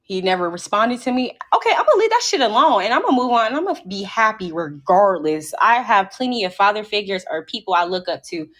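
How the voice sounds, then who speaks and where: A woman's voice: mid-range voice, very animated, quick pace, hardly any pauses, a bit bright. A woman co-hosting a podcast, talking candidly in a loose, rambling way with restarts and cursing. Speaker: podcast co-host. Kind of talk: casual chat.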